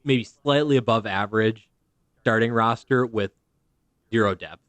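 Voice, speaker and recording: A man's voice: on the low side, measured pace, a bit bright, no echo. A man co-hosting a casual fantasy football podcast, teasing the others and laughing a lot. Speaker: podcast co-host. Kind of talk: casual chat.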